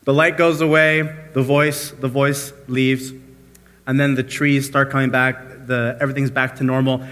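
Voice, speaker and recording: Pastor with a bright voice in a reverberant hall. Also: male voice, medium pitch, moderate pace. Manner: animated storytelling, fillers and restarts. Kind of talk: sermon with a joke opening. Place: church. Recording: long reverb of a church hall.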